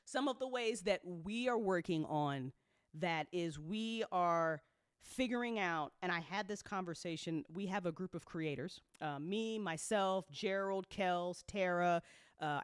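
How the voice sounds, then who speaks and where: An audio drama creator who also hosts a podcast network gives listeners a candid, informal business update, swearing freely and hammering points home through repetition. His mid-range voice is clear and resonant. The recording is dry, with a clean studio sound.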